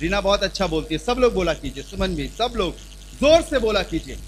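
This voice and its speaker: A man pastor teaching the Bible loudly in a church hall, calling out questions for the congregation to answer. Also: high-pitched, sing-song, a little fast, a little hiss or hum. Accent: Hindi. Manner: loud call-and-response preaching. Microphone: handheld mic.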